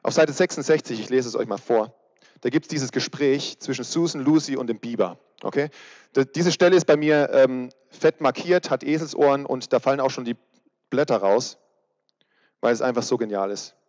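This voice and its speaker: A man's voice: medium pitch, normal speed, a little mellow. A man preaching a casual youth sermon, chatty and asking his listeners direct questions. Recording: reverberant hall, dull sound.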